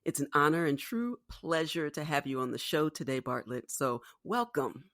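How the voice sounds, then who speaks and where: A woman's voice: low voice, big pitch swings, normal speed, a bit bright, no echo, clean studio sound. A woman hosting a podcast, reading an upbeat scripted intro and then chatting with her guest. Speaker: podcast host.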